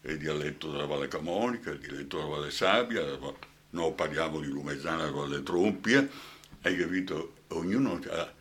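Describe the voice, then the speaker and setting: A man's voice: a bass voice, fairly quick, a bit bright. An older man with a Brescian accent, an actor guest in a radio interview, talking passionately and often asking "hai capito?".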